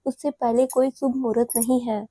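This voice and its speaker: Woman narrator as a warm, indulgent middle-aged mother in an audio story, dry close sound. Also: fairly high pitch, flat delivery, normal speed, husky, dry recording. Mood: kindly. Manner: kindly, indulgent. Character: middle-aged mother, kindly amused mother-in-law.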